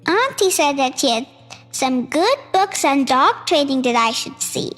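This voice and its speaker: A child host reads a storybook aloud for young listeners in a very high, sing-song voice with a fairly bright tone, keeping the narration slow and measured. Music plays along, and the voice rings with long reverb, as in a reverberant hall.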